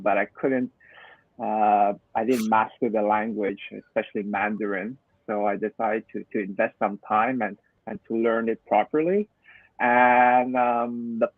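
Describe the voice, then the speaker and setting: A man, an ERP consultant introducing himself on a panel over a video call in a steady, conversational way. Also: on the low side, no echo. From Canada. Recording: tinny dry phone-like call audio.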